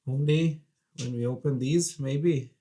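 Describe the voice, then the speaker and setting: A man vlogging as he unboxes and assembles a gaming PC, chatting casually and nervously excited, his voice congested from a cold. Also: medium pitch, unhurried. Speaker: PC building vlogger. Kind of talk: casual hands-on narration.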